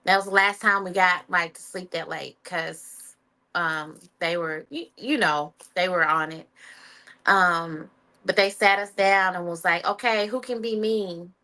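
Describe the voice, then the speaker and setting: Bright-voiced woman telling stories animatedly. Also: on the low side, a little slow. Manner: animated, acts out quotes with shifting voice. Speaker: interview guest, Air Force veteran. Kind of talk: casual storytelling.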